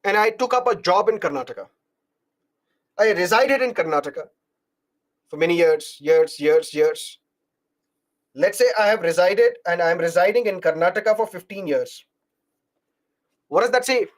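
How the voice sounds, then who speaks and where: High-voiced man teaching a lecture. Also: expressive, moderate pace, long pauses. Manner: explains by repeating examples, asks the class questions. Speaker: polity teacher. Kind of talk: exam-prep lecture.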